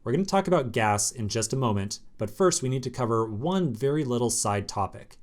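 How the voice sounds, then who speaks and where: A man's voice: medium pitch, expressive, a little fast. A man teaching a screencast coding lesson, explaining step by step in a casual way with fillers. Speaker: programming instructor.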